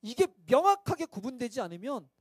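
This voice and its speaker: A man's voice: very high-pitched, very animated, fairly quick, no echo. A man preaching a sermon as pastor at a midweek church service, conversational and self-mocking, asking his listeners rhetorical questions.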